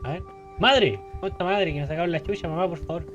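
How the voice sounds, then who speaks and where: A man's voice: fairly high pitch, fast talker, fairly bright tone, soft background music. Man, Chilean accent, gaming commentary, casual, joking, dull lo-fi mic. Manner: casual, joking, reads game text aloud. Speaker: gaming streamer. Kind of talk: let's play commentary.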